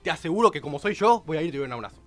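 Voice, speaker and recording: A man with a Rioplatense Spanish accent, a radio host arguing his point in a heated panel debate, talking in rapid bursts full of restarts. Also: on the high side, faint music behind. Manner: rapid, excitable, many restarts.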